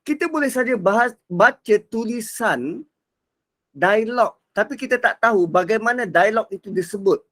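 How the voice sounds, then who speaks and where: A male religious teacher, lecturing on a Quran passage. His voice sits fairly high for a man. He moves between hushed, low moments and loud, lively emphasis. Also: moderate pace. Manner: expressive, acts out quotes, shifts between soft and loud.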